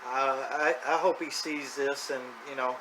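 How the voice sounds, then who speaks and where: A man of middle age or older hosts a hobby video, chatting casually and without a script in a folksy, down-to-earth vlog monologue. He speaks in a mid-range voice, unhurried, with fairly even intonation, over clear background noise and ambient sound.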